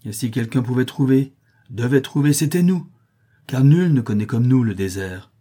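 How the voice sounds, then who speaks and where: Guy voicing a doubtful young fella, pushes back hard, dark husky tone. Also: mid-range voice, lively intonation, moderate pace, natural voice. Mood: insistent. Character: young man, doubtful and disappointed.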